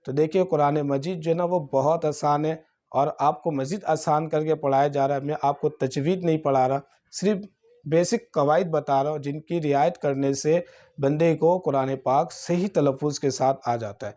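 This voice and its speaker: A man with a Pakistani Urdu accent teaches Quran reading in a slow, spelled-out lesson, explaining letters and vowel marks step by step and drawing out syllables in recitation drills. His voice sits on the high side with a dark tone and fairly even intonation.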